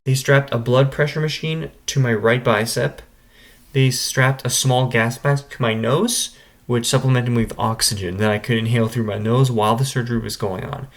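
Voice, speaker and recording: A man's voice: medium pitch, fairly even intonation, normal speed. A man vlogging, casually telling a personal story to camera in a conversational way. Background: instrumental music.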